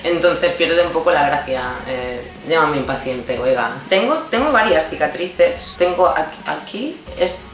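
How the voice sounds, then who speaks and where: A woman's voice: low-pitched, expressive, measured pace, few pauses, faint music behind. Chatty thirty-year-old Spanish woman, roomy sound. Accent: Spain Spanish. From Barcelona, Spain. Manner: chatty and playful, laughs often, hesitant fillers. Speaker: guest answering personal questions. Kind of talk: casual personal Q&A monologue.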